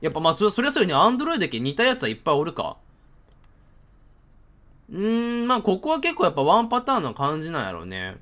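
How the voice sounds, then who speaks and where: A man's voice: high voice, huge pitch swings, very fast, sharp tone. A man with a Kansai Japanese accent giving jumpy let's-play commentary, talking to the game character and breaking into outbursts. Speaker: gamer. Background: game music.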